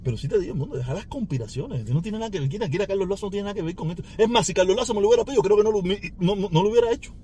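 Taunting Cuban man, lively high voice. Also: very fast, hardly any pauses, slight background noise. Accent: Cuban Spanish. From Cuba. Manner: taunting, sarcastic, with mocking laughs. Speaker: podcast host. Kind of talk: mocking rant to a rival.

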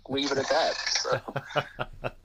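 A man's voice: mid-range voice, level tone, takes it slowly, background noise. A man who referees basketball, telling a story about himself with dry, understated humor. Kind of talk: casual anecdote telling.

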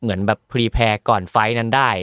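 A man's voice: mid-range voice, smooth, no echo, studio quality. A man co-hosting a podcast, chatting casually and animatedly about a video game. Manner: animated, quick, uses casual slang. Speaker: podcast co-host. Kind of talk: casual gaming chat.

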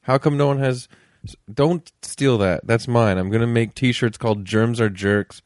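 A man's voice: mid-range voice, a little slow, darkish tone, no room sound, clean studio sound. Congested man with a stuffed-up nose, mouth breathing. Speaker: podcast host. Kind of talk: casual podcast intro.

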